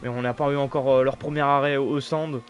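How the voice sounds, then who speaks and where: A man calls each overtake live in casual esports motor racing commentary, speaking fast in a medium-pitched, level voice. The audio is dull, with a loud crowd, clear background noise and vehicle sounds behind him.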